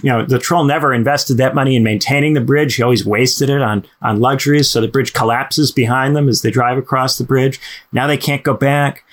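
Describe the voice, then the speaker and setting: A man, a podcast host and former lecturer, telling a long story in a rambling, casual way. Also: medium pitch. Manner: rambling, many "you know" fillers and restarts.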